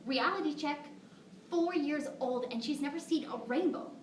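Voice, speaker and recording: A woman's voice: high voice, normal speed, close to an everyday voice. A woman playing a devoted young mother in a dramatic monologue, telling stories conversationally with asides to listeners. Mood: wistful wonder. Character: devoted young mother fondly recalling her daughter. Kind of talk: dramatic monologue performed at a competition. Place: echoing room, recorded from a distance. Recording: roomy, distant mic with faint noise.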